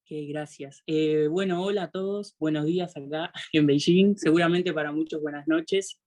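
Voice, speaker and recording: A young man with a Uruguayan Spanish accent speaks in a relaxed, chatty way, padding his sentences with easy fillers. He talks like a student sharing his experience in an informal online session. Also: on the high side, moderate pace. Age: 20s. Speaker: international student. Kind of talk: casual talk in a webinar.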